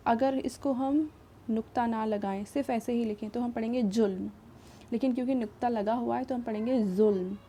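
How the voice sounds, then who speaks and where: A woman teaching a grammar lesson to children, patiently repeating and rephrasing each point and slowing down to sound out example words. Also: fairly high pitch, mellow, a little hiss or hum.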